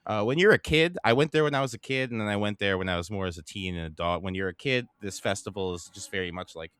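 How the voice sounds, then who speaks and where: A man in his thirties co-hosting a podcast, telling a story in a halting, laid-back way. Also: on the low side, fairly bright tone, clear, resonant tone, no echo. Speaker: podcast co-host. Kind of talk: casual chat.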